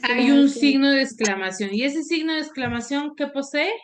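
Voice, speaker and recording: A woman's voice: sits high, normal speed, soft background music. A woman teaching an online class. She explains step by step and keeps checking in with her pupils through short questions. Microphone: video call.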